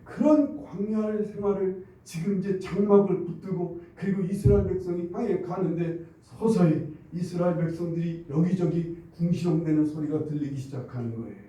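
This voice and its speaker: A man's voice: sits high, normal speed, few pauses, mellow. A male pastor preaching a sermon, retelling a Bible story and acting out the grumbling crowd in quoted voices. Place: church sanctuary. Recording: very echoey church hall, mic at a distance.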